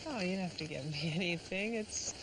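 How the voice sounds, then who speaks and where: An actress playing an awkward young princess in a film, hesitant, rambling and flustered. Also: female voice, fairly low pitch, a little fast, natural voice. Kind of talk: film acting. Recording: noisy outdoor film scene.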